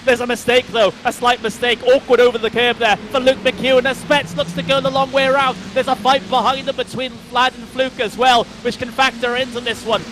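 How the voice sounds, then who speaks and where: High, fast British race commentator. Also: male voice, noisy background. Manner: rapid play-by-play, breathless at the finish. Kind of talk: excited live race commentary.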